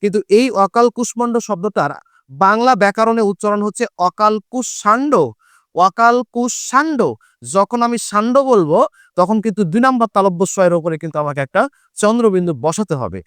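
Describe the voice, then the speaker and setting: Clear high-voiced man teaching grammar. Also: a bit bright, dry recording, studio quality. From Bangladesh. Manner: repeats each rule slowly, asks and answers his own questions. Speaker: Bengali teacher. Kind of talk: exam-prep grammar lesson.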